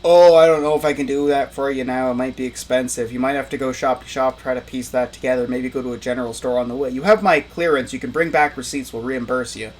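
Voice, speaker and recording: A man's voice: mid-range voice, steady tone, fast, hardly any pauses, lightly acted. A man doing a helpful office boss. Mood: accommodating. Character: friendly male admin boss, helpful.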